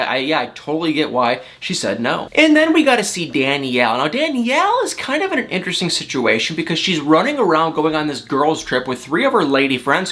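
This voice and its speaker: A man's voice: a little high, sharp tone. A man hosting a casual, opinionated recap, chatty and given to repeating words for emphasis. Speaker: host of a reality TV recap.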